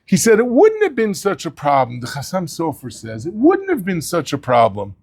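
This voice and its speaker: A man's voice: a little high, wildly swooping pitch, moderate pace, gravelly, darkish tone. A man who heads a yeshiva giving a weekly Torah talk to his students, sprinkling in Hebrew and Yiddish terms, and his voice climbs sharply when he stresses a point.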